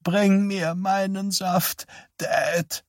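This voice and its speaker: A frail old mother on her deathbed, as a male reader puts her on, raised high above his own voice and drawn out slowly. Her voice is dry, rough and rattling, whining and sinking into a whisper. Audiobook reading in a dry room. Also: level tone, no echo. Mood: weak, whining. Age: older. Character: frail dying old mother after a stroke.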